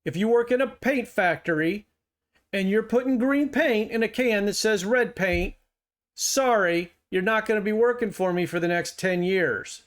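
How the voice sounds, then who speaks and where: A middle-aged man hosts a reaction video with a notably high voice. He fires back at clips in a sarcastic, heated tone, mocking as he argues. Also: moderate pace, a bit bright. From United States. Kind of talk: reaction commentary.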